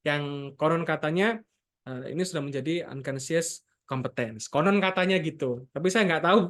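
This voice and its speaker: A man who practises NLP, giving a relaxed, chatty lesson and dropping English terms into his explanations. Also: fairly high pitch. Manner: chatty, loose teaching talk with English terms and frequent "gitu" tags. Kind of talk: casual explanatory lecture.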